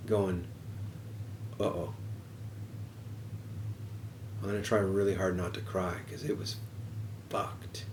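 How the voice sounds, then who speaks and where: A man's voice: lowish voice, a bit bright. A man telling a personal story in a casual way, frank and swearing freely. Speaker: podcast host. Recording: roomy echo, faint background noise.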